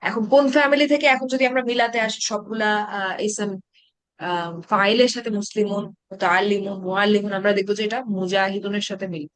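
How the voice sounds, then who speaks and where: A woman with a Bangladeshi Bengali accent leads an online grammar class and explains each point patiently. She asks her students questions as she goes. Her voice sits at a middle pitch and sounds dry and close. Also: fairly even intonation, fast talker, no echo. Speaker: Arabic grammar teacher.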